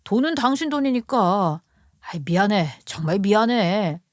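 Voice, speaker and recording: A woman's voice: mid-range voice, animated, normal speed, dry recording, clean studio sound, natural voice. A woman voicing a sheepish, apologetic middle-aged husband who pleads and wheedles in a storybook radio tale. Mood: pleading.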